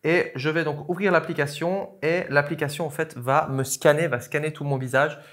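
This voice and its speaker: A man's voice: on the high side, fairly even intonation, normal speed, a bit bright. A man vlogging casually as he tests an app, talking in a chatty way and hesitating with many fillers, recorded on a camera on a tripod. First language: French. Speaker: tech vlogger. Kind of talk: casual tutorial vlog. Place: indoor room with a neon light. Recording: echoey room.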